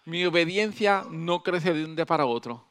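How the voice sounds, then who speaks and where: Animated male preacher, pretty high voice, goes loud then soft. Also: moderate pace, clean tone. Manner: animated, swinging between loud emphasis and soft asides. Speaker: pastor. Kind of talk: sermon.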